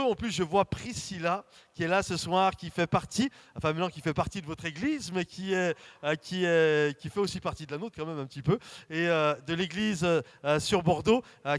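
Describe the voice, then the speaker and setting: A man's voice: sits high, fairly bright tone. A middle-aged man from France with a Saint-Étienne accent, a guest pastor opening a sermon in a chatty, hesitant way with many fillers. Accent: Saint-Étienne region French. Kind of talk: informal sermon introduction.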